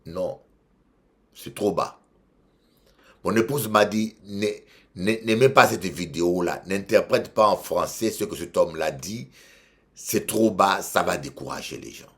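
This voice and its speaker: Congolese french bishop preaching, low voice, slow, keeps repeating lines for weight, goes loud then quiet. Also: male voice. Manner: emphatic, repeats phrases for weight, swings between loud and quiet. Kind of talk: sermon.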